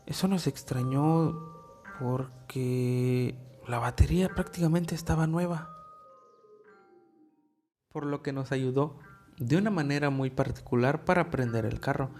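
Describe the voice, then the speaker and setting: A man narrating a first-person horror story in a measured, deliberate way with dramatic pauses. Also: medium pitch, a little mellow, soft background music.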